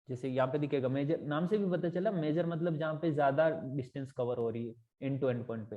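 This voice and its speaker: A man's voice: on the high side, a little mellow. A male math tutor explaining step by step in a casual tutoring lesson, often checking whether his students follow and mixing in English math terms.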